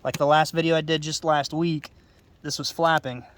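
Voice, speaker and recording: Speaking at normal speed with fairly even intonation, this man has a fairly high, nasal voice from a congested nose. He is a roofer presenting his own video outdoors on a house roof, giving a plainspoken, rambling, unscripted hands-on explanation. The recording has no room sound.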